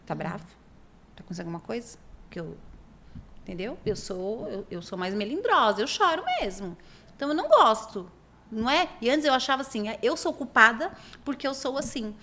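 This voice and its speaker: A woman's voice: a little high, fairly quick, slight background noise. A woman, a podcast guest talking earnestly and emotionally in a casual interview. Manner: earnest, emotional, lively intonation.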